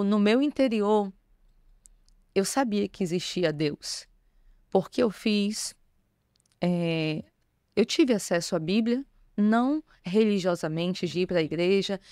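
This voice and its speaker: A woman's voice: mid-range voice, takes it slowly, darkish tone, no room sound. Woman, church bishop giving her testimony, earnest and emotional, dry close sound. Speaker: bishop, guest. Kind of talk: personal testimony in an interview.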